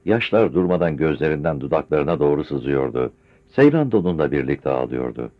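Deep-voiced man reading a novel aloud. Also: very animated. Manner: measured, literary storytelling. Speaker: narrator. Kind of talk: audiobook narration. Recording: dull lo-fi recording.

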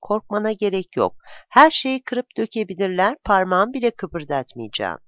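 A narrator voicing a desperate male village teacher who shouts in anger, in a dull, dry, lo-fi recording. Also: medium pitch, very animated, moderate pace, no echo, lightly acted. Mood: resolute.

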